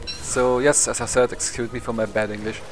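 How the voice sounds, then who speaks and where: With game music in the background, a young non-native English speaker with a German accent commentates his gameplay in a casual let's play. His voice is medium-pitched and steady at a moderate pace, and he rambles, swears and laughs at himself.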